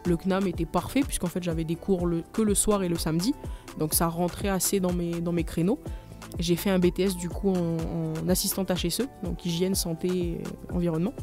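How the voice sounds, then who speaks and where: A woman's voice: on the low side, flat delivery, brisk, dark tone, faint music behind. A woman, a company manager explaining her path earnestly in a radio studio interview. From New Caledonia. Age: 20s.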